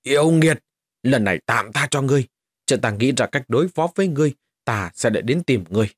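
Brief: a man doing a proud male warrior for an audiobook, loud, blunt, husky edge, close and dry. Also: medium pitch, expressive, brisk, no room sound, natural voice. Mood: commanding.

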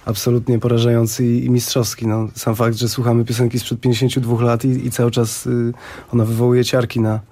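A man's voice: medium pitch, monotone, a little fast, warm tone. A man joining a radio discussion, emphatic and repeating his words.

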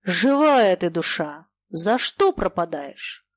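A woman reading an audiobook, voicing a brooding young male merchant who speaks in a lowered, thick, persuasive voice. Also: big pitch swings, slow, dry recording, exaggerated voice. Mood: sorrowful.

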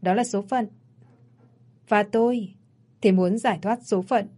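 A woman's voice: medium pitch, steady tone, a little slow, warm tone, close to an everyday voice. A woman voicing a frightened but stubborn young woman, pleading and defiant, in a read-aloud story. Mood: scared, pleading.

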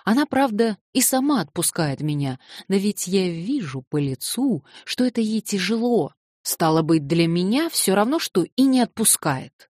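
A woman voicing an excitable, naive young man who protests plaintively, reading an audiobook. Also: mid-range voice, normal speed, no echo, clean studio sound. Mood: defensive.

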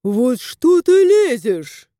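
A woman's voice: high voice, sing-song, dark tone, dry recording, clean studio sound, heavily acted. A woman voicing a plump, touchy male house cat who whines and sulks in an audiobook. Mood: sulky. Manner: whining, drawn-out complaints. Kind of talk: audiobook character voice.

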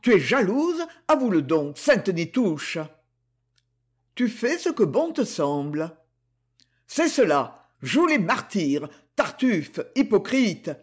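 A man's voice: sits high, very animated, measured pace, slightly rough, heavily acted. A man doing a sneering brute of a husband. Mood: sneering rage. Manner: harsh, scornful, insulting. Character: brutal domineering husband, furious and sneering.

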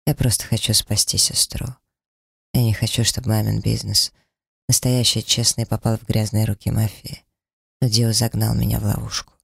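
Guy reading as a bitter brooding young man in an audiobook, low gravelly voice, dry sound. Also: completely flat delivery, moderate pace, no echo, heavily acted. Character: brooding young man, heir fleeing the mafia.

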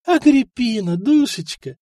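A man voicing a plump, greedy, quarrelsome young wife who is shrill and spiteful. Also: expressive, moderate pace, a little mellow, husky, dry recording, studio quality. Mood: sugary.

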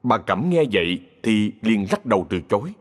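A husky, fairly low male voice reads a ghost story in a measured, scripted way, with lively swings in pitch. A long reverb trails behind every phrase. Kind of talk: scripted narration.

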